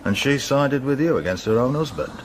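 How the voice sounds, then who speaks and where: A man acting in a radio drama as a patient, middle-aged detective inspector, asking terse, polite, quietly probing questions. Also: mid-range voice, lively intonation, fairly quick, a little hiss or hum, close to an everyday voice. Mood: probing, dry.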